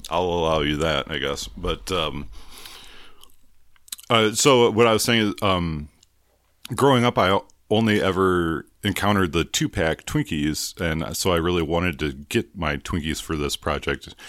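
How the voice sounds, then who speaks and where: Super deep voiced guy co-hosting a food tasting show, jokey, kinda announcer-ish, dry close mic. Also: a bit bright, no echo. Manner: jokey, mock-formal, talks with mouth full. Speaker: co-host. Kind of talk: casual food-tasting chat.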